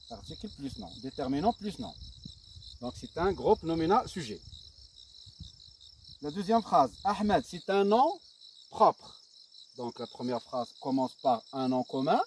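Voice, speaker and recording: Enseignant marocain, ton très animé. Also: male voice, mid-range voice. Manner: slow, deliberate, dictating and repeating, with fillers. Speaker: primary school teacher. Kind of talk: grammar lesson. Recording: distant mic with faint insect noise.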